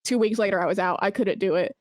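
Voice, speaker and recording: Speaking quickly at a medium pitch, this woman has a slightly mellow voice as she guests on a casual podcast interview. She's an esports brand manager, sharing things openly and informally with lots of "like." The audio is dry and of studio quality.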